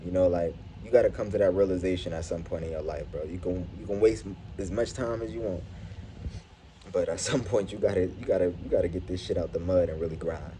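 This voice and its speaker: Low, mellow man talking through a face mask. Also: brisk, slight background noise. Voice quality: slightly muffled, speaking through a face mask. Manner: earnest, slangy, profane street talk, addressing viewers as bro and dog. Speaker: YouTube vlogger. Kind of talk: casual motivational monologue to camera. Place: at his workplace.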